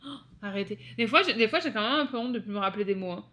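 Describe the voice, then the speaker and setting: A young French woman vlogs casually from her apartment at night, wandering between topics with lots of fillers and restarts. Her slightly high voice is animated, very fast, and sharp in tone.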